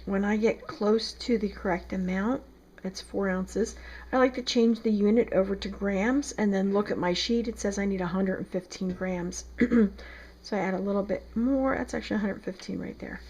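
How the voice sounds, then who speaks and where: A woman from South Jersey, going by her accent, demonstrates a soap recipe at home in a second-floor kitchen, talking casually with lots of ums. She speaks at normal speed in a husky, darkish voice of medium pitch.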